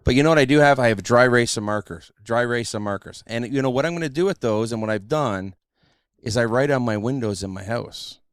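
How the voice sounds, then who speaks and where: Brash, profane man with a smooth voice. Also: mid-range voice, brisk, no room sound, clean studio sound. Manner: brash, profane, animated storytelling. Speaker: podcast host. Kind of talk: casual podcast chat.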